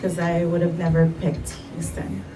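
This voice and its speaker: This woman from El Salvador runs a skincare business and works as an aesthetician, appearing as a guest in a casual radio interview. Her fairly low voice is monotone and moves at normal speed as she gives brief, matter-of-fact answers. Music plays behind her, and the distant mic picks up background noise.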